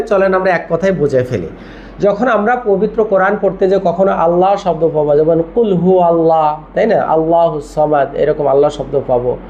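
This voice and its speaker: A man's voice: sits high, darkish tone, dull audio, a little hiss or hum. A man teaching a Quran reading lesson, spelling out letters and asking and answering his own questions as he drills each word. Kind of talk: step-by-step recitation lesson.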